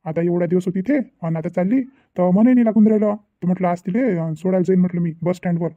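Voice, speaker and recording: A man's voice: high voice, fast talker, no room sound, phone-quality sound, natural voice. A man voicing a worried young village brother who rambles and repeats himself in a cartoon family drama.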